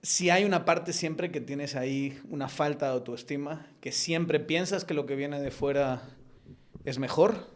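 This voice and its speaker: A middle-aged man chatting casually as a podcast host, from abroad and long settled where he talks. His voice sits a little higher than most men's, and he keeps tossing in short questions to his guest. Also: unhurried. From outside Guatemala. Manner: talkative, often asks "¿verdad?". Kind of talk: casual conversation.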